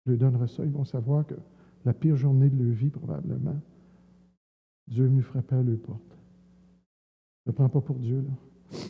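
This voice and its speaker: Quebec French evangelist, colloquial testimony, long church reverb, phone-thin sound. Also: male voice, mid-range voice, steady tone, normal speed, pauses often, breathy edge, phone-quality sound. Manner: colloquial storytelling, many fillers.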